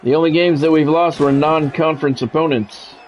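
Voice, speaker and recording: A former radio sports play-by-play announcer, now an American gaming streamer, calls football plays in his own game between bits of casual chat. His voice is fairly high, a little mellow and brisk, with fairly even intonation. The highs are cut off, with slight hiss or hum.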